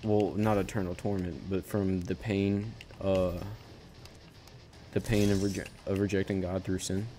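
A man with a very low, dark voice gives loose commentary over a game. He speaks in a flat, even line. He rambles and keeps restarting his sentences. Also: faint music behind. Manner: rambling, halting, self-correcting. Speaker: gaming channel host. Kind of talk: casual gameplay commentary.

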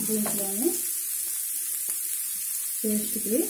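A woman's voice: mid-range voice, little pitch movement, slow pace, background noise. A woman walks viewers through a recipe at her home stove, chatty and instructive and repeating each tip. Her voice rings in an echoey kitchen while oil sizzles and a spatula clicks against the pan. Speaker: cooking channel host. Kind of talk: home cooking demonstration.

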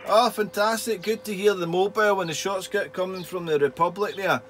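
A man's voice: sits high, steady tone, a little fast, a bit bright. A man working as a radio operator, chatting casually and in a friendly way, with call signs and radio jargon. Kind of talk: casual two-way radio contact chat. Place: indoor home radio shack. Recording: radio hiss and hum.

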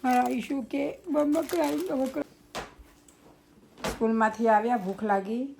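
A woman's voice: high voice, moderate pace, dark tone. A mother chatting with her children for a home vlog, coaxing and scolding them. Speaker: mother and vlogger. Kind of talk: casual family vlog. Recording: home video with clear background noise.

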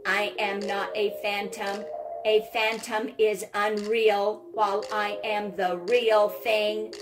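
A woman voicing a calm, literal-minded male clockwork man in a storybook reading, speaking matter-of-factly. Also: medium pitch, takes it slowly, noisy background, natural voice.

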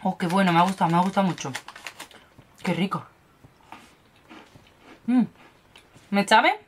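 A young woman chats at home in a casual unboxing vlog. Her voice sits at an ordinary middle pitch, and she gushes happily over everything she opens, piling on diminutives. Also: a little slow, breathy edge. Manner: chatty, gushing over cute snacks, lots of diminutives. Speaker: beauty and snack vlogger.

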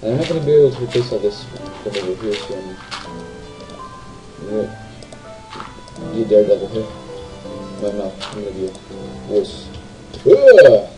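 A man's voice: on the low side, fairly quick, pauses often, rough recording. A man giving rambling, casual commentary while playing a video game, often asking his viewers tag questions. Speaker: gamer. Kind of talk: casual let's play commentary. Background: faint game music.

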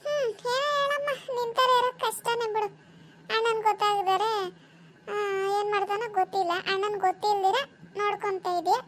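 A woman's voice: extremely high pitch, steady tone, fairly quick, a bit bright, a little hiss or hum. A woman voicing a young grown daughter who mildly reproaches her mother in a cartoon drama. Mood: reproachful.

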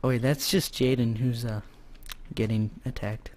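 A young American man casually commenting on his gameplay, joking around and sometimes shouting loudly. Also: mid-range voice, fairly even intonation, normal speed, no room sound. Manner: chatty, jokey, bursts into loud shouts. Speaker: gamer.

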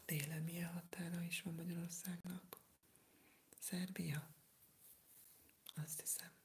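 Male ASMR streamer, soft breathy whisper throughout, chatty replies to viewers, light background hiss. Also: a little high, little pitch movement. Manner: soft unvoiced whisper, answers viewer comments one by one. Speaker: ASMR livestream host. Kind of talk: whispered ASMR livestream chat.

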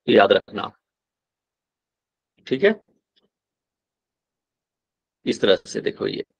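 A male yoga teacher, giving a lecture. He chants Sanskrit verses slowly, then explains them in quick, plain speech, often checking with "right?". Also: medium pitch, dry recording.

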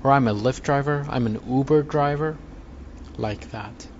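A man teaching an English lesson, talking slowly and patiently through repeat-after-me drills with fillers. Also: medium pitch, darkish tone, a little hiss or hum. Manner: slow, patient, repetitive coaching with fillers. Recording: slightly dull recording with faint ambience.

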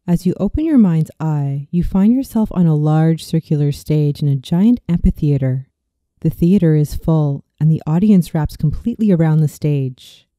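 In a close, dry recording with no echo, a meditation narrator in their thirties guides a scripted visualization. Their voice is medium in pitch, deeply mellow and soft-edged, and the pace is calm and deliberate.

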